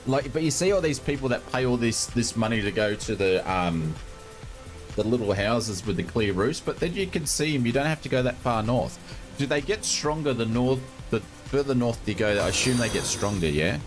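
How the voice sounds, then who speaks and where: A man's voice: medium pitch, expressive, moderate pace, soft background music. A man with a broad Australian accent chatting casually and matily to viewers as a livestream host, informal and given to exclamations. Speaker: live streamer, host.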